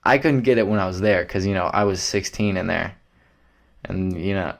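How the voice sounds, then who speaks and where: A young man with a lowish voice talks on his own podcast. He rambles, swears freely and keeps it offhand and loose. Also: moderate pace, gravelly. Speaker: podcast host.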